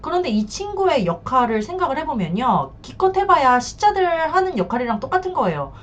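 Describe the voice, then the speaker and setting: A woman's voice: high voice, a little fast. A woman counselor giving blunt advice on cheating husbands, often acting out what the men say. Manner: blunt, acts out quoted men in lively bursts. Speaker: divorce and infidelity counselor. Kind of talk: advice talk to camera.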